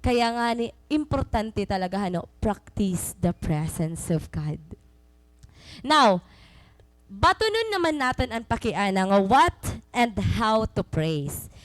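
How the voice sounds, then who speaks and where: A young woman preacher from Samar with a Waray Filipino accent gives a sermon, switching between Waray and English in an animated, teaching way. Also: a little high, slow pace, no room sound, rough recording. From Samar, Philippines. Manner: animated, mixing Waray and English mid-sentence; teaching, repeats and defines key words.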